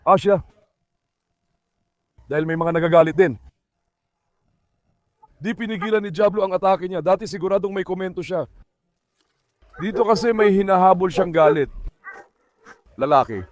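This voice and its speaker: Isang lalaking nagkukuwento sa mga manonood habang inaalo ang kanyang mga aso. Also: male voice, high-pitched, normal speed, pauses often, no room sound, clean studio sound. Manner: talks to viewers and coaxes his dogs. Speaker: dog owner narrating his dogs. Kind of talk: casual vlog commentary.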